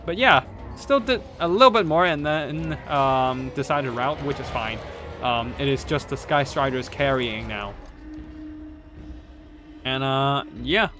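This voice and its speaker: Bright-voiced man casting game replays. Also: medium pitch. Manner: rambling with many fillers and restarts, bursts of excitement; swears casually. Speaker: game caster. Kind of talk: casual replay commentary.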